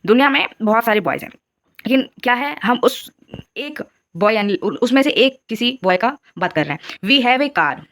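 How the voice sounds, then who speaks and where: A woman teaching an English grammar lesson in Hindi, with an Indian accent, explaining step by step and reading English examples slowly. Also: fairly high pitch, expressive, a bit bright. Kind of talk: grammar lesson for exam prep.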